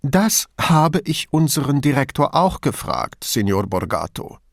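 A timid, pedantic male bureaucrat on the phone, put on by a male audiobook reader. His voice sits noticeably higher than the reader's own and is dry and close. He sounds fussy and submissive. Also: big pitch swings, a little slow, creaky, no echo, heavily acted. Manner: pedantic, submissive, raised pitch.

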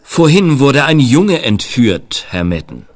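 An actor voicing a calm, steady police inspector in a radio play, hesitating often. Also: male voice, medium pitch, slow pace.

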